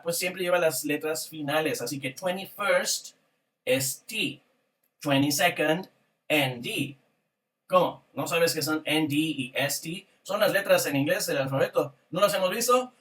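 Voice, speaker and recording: A man leads a language lesson at an unhurried pace, drilling the class and tossing out quick praise. His voice sits high, and he sounds somewhat distant from the microphone. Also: fairly bright tone. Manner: upbeat and encouraging, frequently praising and asking "ok?". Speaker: English teacher. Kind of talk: online language lesson with repeat-after-me drills.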